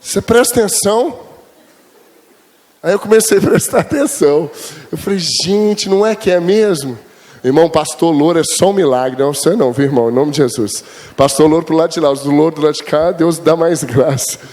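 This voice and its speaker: Male pastor, high-pitched, chatty storytelling sermon with acted-out dialogue. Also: fairly quick. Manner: storytelling, chatty, addresses the congregation as brothers; acts out quoted dialogue with God, rising high and loud.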